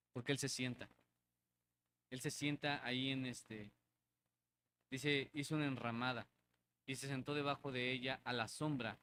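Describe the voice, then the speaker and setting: Speaking in a mid-range, bright voice with a forceful tone, this man gives a conversational church sermon, repeating phrases and seeking the congregation's agreement. The church hall setting carries slight background noise.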